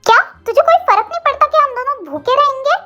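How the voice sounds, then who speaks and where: A woman's voice: very high-pitched, animated, quick pace, pushed and bright, muffled recording, faint music behind, voice pushed up, exaggerated voice. A woman voicing a dramatic, bossy middle-aged mother and grandmother in a Hindi fan audio story, scolding and theatrical.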